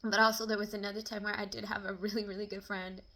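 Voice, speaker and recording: Bright-voiced woman venting candidly. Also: medium pitch, little pitch movement. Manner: candid, emotional, swinging between laughter and near tears; swears casually, quick bursts of exasperation. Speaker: vlogger. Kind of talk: personal confessional talk to camera.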